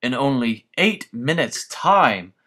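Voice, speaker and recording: Slow, sadistic Scarecrow villain. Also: male voice, mid-range voice, big pitch swings, pushed and bright, heavily acted. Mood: gloating, clinical. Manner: menacing scarecrow voice, slow, pompous, florid and deliberate. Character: sadistic, grandiose scarecrow villain, a mad male scientist. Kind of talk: theatrical villain monologue.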